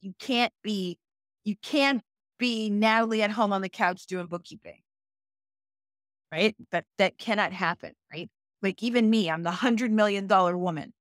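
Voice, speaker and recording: A woman's voice: lowish voice, fairly bright tone, no echo. Middle-aged woman business coach hosting a live web class, chatty and interactive, keeps asking viewers if it makes sense, dry close sound. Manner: reacts to viewer comments aloud.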